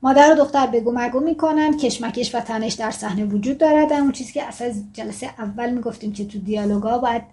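A woman's voice: on the high side, hardly any pauses, dark tone. A woman teaching fiction writing in a casual, explaining way, reading passages aloud in a more formal tone. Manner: explains casually, then reads excerpts in formal tone.

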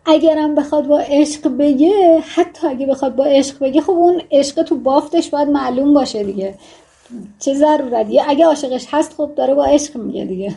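A woman with a fairly high but mellow, warm voice talks through a writing book in relaxed, casual lecture style. She is chatty and digressive, breaking off for joking asides. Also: gravelly. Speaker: writing instructor.

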